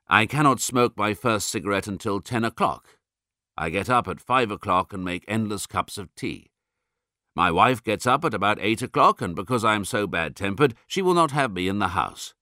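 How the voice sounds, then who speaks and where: A man reading aloud as a desperate smoker in his sixties, ill and worn down, telling his story in a low, subdued way with a lot of rise and fall. The recording is dry and close. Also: pushed and bright, no room sound. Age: 60s.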